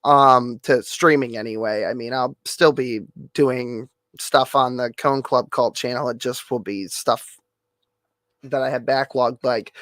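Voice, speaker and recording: A man streamer, hoarse and losing his voice, rambles through a casual update packed with fillers and offhand swearing. His voice is mid-range and nasal, recorded with no echo.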